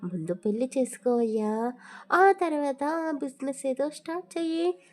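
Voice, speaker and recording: A woman voicing a fussy village mother in a storybook, coaxing her son to marry, her voice pitched up. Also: lively intonation, moderate pace, a little mellow. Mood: pleading.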